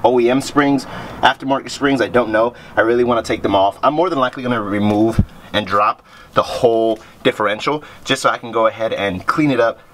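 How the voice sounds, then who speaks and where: A man's voice: medium pitch, a little fast, fairly bright tone, a little hiss or hum. A man chatting casually as he works on a car in a garage, explaining each step to the camera as he moves around. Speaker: car project vlogger.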